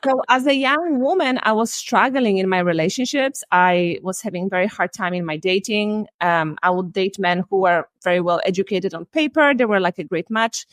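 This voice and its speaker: Speaking indoors at home over a video call, this life and relationship coach, a woman in her forties from Poland, shares her personal story with candor. Her Polish-accented English has a slightly non-native ring, and she comes across as earnest and reflective. The mid-range voice moves at a moderate pace with few pauses, and there is no echo.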